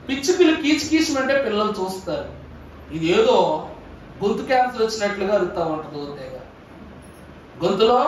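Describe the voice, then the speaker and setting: A man's voice: high-pitched, a little hiss or hum. A man preaching a Sunday sermon as pastor, asking the congregation question after question and checking that they follow. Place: church service. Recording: echoey church hall from far off.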